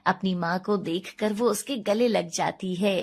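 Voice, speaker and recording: A woman narrating a cartoon story in a steady, expressive storytelling style. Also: mid-range voice, measured pace.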